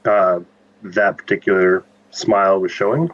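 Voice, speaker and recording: A man's voice: low-pitched, fairly even intonation, measured pace, slight background noise. A man playing a tabletop game on an online call, talking casually through plans with the group. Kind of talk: casual planning talk in a game. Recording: slightly muffled online call.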